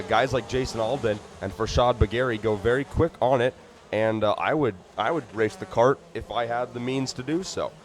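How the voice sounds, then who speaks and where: A man calls a kart race live in a fairly low voice, chatty and joking as he wanders into asides between lap times. A faint outdoor hum sits behind him. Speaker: race commentator.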